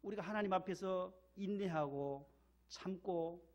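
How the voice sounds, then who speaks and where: A man's voice: high voice, a little slow, a little mellow. A man from the region of Korea, a pastor, delivering a sermon in a church and stressing key words by repeating them. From Gyeongsang region, Korea. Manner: emphatic, repeats key words, leads call-and-response. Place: church sanctuary.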